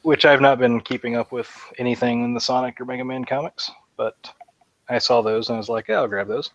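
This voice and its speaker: A man's voice: medium pitch, little pitch movement, brisk, no room sound. Guy rambling on about comics, lots of ums, dull muffled dry sound. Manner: rambling, enthusiastic fan talk with many fillers. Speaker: podcast co-host. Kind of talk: casual chat.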